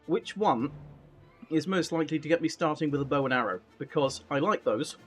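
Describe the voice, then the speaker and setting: A man with a slightly high voice talks casually on a live game stream. He speaks into a headset mic, with music playing behind him. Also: fairly quick, a bit bright.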